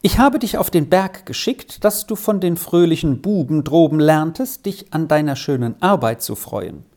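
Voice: medium pitch, animated, normal speed, darkish tone, close to an everyday voice. Strict storybook father, curt and reproachful, read by the narrator. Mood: stern. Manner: stern, curt, scolding. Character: stern strict father, middle-aged.

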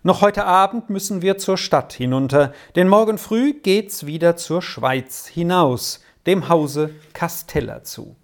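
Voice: mid-range voice, lively intonation, unhurried, few pauses. Ein entschlossener, gutmütiger Professor mittleren Alters, gelesen von einem Erzähler, der knapp und bestimmt spricht. Er klingt wie eine Hörbuchfigur, kaum verstellt. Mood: cheerful. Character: warm, decisive middle-aged professor and uncle. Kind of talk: audiobook character voice.

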